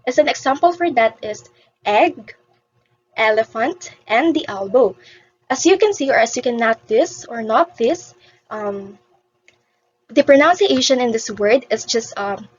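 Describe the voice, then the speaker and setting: A woman's voice: on the high side, slightly rough, muffled recording. A woman teaching an English vowel lesson to beginners, patiently repeating each word for the class to copy.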